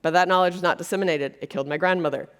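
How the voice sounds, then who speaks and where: A woman's voice: lowish voice, racing, clean tone. Earnest woman giving a keynote talk. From Brazil. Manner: earnest, conversational, with frequent fillers. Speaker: keynote speaker. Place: conference stage before an audience.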